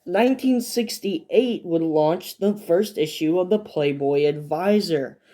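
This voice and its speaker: A man narrates a history video in a mellow, somewhat high voice. He reads his scripted lines, then drops into loose, casual asides full of fillers and restarts. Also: a little slow. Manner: fillers and restarts between points. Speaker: video essay host.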